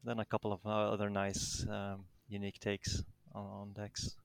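A man's voice: on the low side, completely flat delivery, normal speed, creaky, dry recording. A man with a Danish accent answering interview questions casually, in a modest, hesitant manner. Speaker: interviewed tournament champion.

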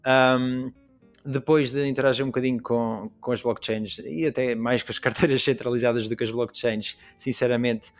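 A young Portuguese man with a European Portuguese accent, a podcast guest talking casually with many fillers and restarts. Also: medium pitch. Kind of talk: casual conversation.

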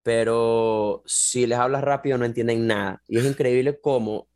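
Relaxed young Venezuelan guy for podcast guest, easygoing talk full of fillers, mid-range voice. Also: medium pitch, moderate pace. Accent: Venezuelan Spanish. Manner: relaxed, chatty, many fillers like "bro" and "este". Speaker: guest, jiu-jitsu athlete. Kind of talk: casual podcast conversation.

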